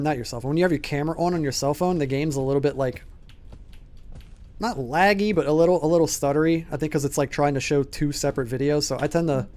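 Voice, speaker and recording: A young man live-streams a horror game and talks loosely to his viewers as he plays. His voice sits a little high for a man, and his talk is casual and chatty, broken up by laughs and quick replies to chat. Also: a little mellow. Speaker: gaming streamer. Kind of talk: live-streamed gameplay commentary.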